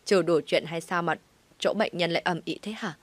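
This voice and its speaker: A woman's voice: on the low side, a little fast, no room sound, close to an everyday voice. A woman voicing a stern older grandfather who speaks in a firm, reproving way. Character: stern older grandfather, steadying his wife.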